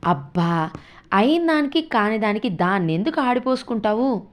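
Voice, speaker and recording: A woman's voice: on the high side, lively intonation, normal speed, voice pushed up, close to an everyday voice. A woman voicing an impatient, irritated middle-aged son in a read-aloud story. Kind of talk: storytelling with character voices.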